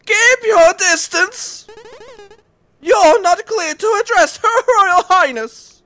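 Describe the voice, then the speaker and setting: A man's voice: very high voice, lively intonation, drawn-out words, sharp tone, heavily acted. A man voicing a stern royal guard who barks commands, over game music. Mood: commanding. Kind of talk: let's play voice acting.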